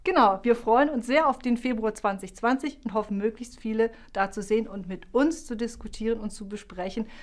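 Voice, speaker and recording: A middle-aged woman, a university lecturer, speaking calmly in a scripted video trailer, recorded in a studio on a lapel mic. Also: a little high, a little fast, hardly any pauses. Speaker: linguistics lecturer, keynote speaker.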